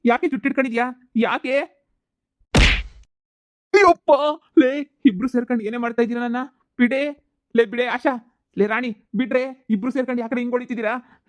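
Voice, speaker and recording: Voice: mid-range voice, no room sound, close to an everyday voice. A performer voicing a cornered cartoon husband, wailing and pleading in a mid-range voice. He bargains and mutters sulky threats. The sound is dry and close. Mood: protesting. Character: cheating village husband, whiny and cornered. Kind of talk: cartoon comedy dubbing.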